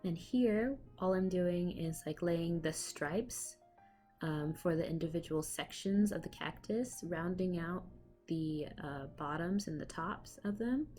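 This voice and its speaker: Soft music plays behind this woman's lowish, mellow voice as she speaks a little slowly. She's an art vlogger with a cold, casually narrating her own speed paint at home with fillers and small laughs, picked up by her laptop mic.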